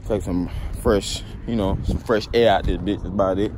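A young adult man with a mild cold strolls along a sunny street, holding his phone low at arm's length for a casual vlog monologue. He speaks at a normal speed in a low voice with fairly even intonation, rambling easily and asking "you feel me" over and over. Outdoor street noise and passing traffic come through.

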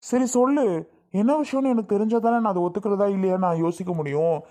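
A woman's voice: mid-range voice, animated, fast, mellow, close to an everyday voice. A woman playing an insistent, pleading young husband. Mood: impatient. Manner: pleading, repeats himself insistently. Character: eager young husband, anxious then overjoyed. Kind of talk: Tamil family skit acting.

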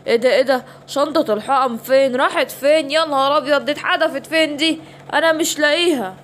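A woman's voice: high-pitched, fast, a bit bright, a little hiss or hum. A woman with an Egyptian accent voicing a scheming male lion villain who boasts and bosses the animals around in a children's bedtime story. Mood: gloating. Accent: Egyptian Arabic. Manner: boastful, bossy.

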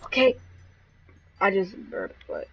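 A young woman giving jumpy gameplay commentary, often dropping to hushed whispers and then bursting out with gasps. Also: a little high, normal speed, low-quality recording. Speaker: gaming video creator.

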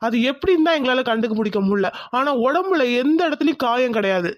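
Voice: high voice, expressive, brisk, muffled recording. An uneasy cartoon doctor. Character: worried male doctor, a puzzled examiner. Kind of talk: cartoon voice acting.

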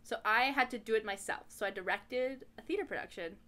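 A young adult woman born in Kuala Lumpur, Malaysia, co-hosts a podcast and tells stories in a casual, playful, giggly manner. Her voice sits on the high side, fairly quick, pushed and bright.

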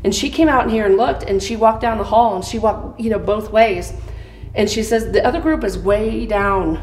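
A woman's voice: medium pitch, normal speed, a little mellow, slight background noise. A woman working as a tour guide, telling casual anecdotes about her experiences. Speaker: tour guide at a haunted site. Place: dark indoor rooms of an old building. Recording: roomy echo, music behind.

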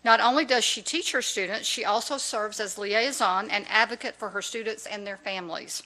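A school official reads a prepared, formal introduction of a teacher at a public board meeting, speaking into a desk microphone in a large room. Her voice is medium-pitched and sharp at a moderate pace, and the recording quality is low.

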